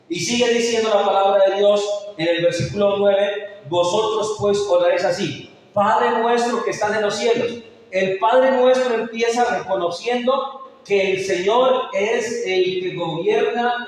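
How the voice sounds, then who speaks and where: Man preaching, high voice, sermon to the congregation, heavy echo, distant from the mic. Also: a little hiss or hum. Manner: addresses listeners as brother, asks rhetorical questions. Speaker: pastor. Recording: echoey hall, voice from far off.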